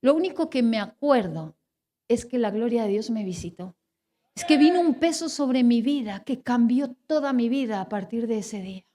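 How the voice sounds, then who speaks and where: A woman in her forties, a pastor with a Spanish accent, preaching a sermon and telling a personal testimony in an animated storytelling way, swinging between hushed and emphatic. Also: a little high, normal speed. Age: 40s.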